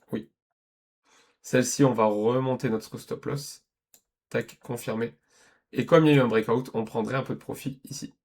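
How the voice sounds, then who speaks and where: A man giving a casual screen-share trading lesson, thinking aloud, correcting himself and often checking in with his viewers. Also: medium pitch. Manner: conversational, checks in with "d'accord?" and "ok?". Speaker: trading educator.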